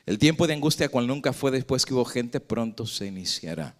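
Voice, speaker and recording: Man preaching a sermon, pastor, rhetorical questions, loud emphatic bursts, hushed low stretches, English words mixed in. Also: lively intonation, a little fast. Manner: mixes English words into Spanish.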